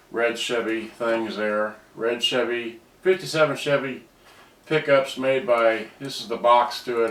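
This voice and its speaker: A cassette player restorer shows off his own items in a loose, hands-on demo, rambling and often letting sentences trail off. His voice sits on the low side with a slight brightness. The distant microphone gives a roomy sound with noise in the background.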